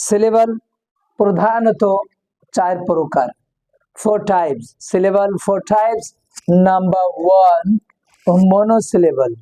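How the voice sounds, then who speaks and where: A teacher speaks extremely slowly, drawing out every word. The voice is warm and mellow. Words are repeated over and over and split into their parts for learners. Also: mid-range voice, expressive, poor audio. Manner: repeats each word several times and breaks words into parts; switches between English and Bengali explanations. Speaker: English teacher. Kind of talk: recorded online lesson.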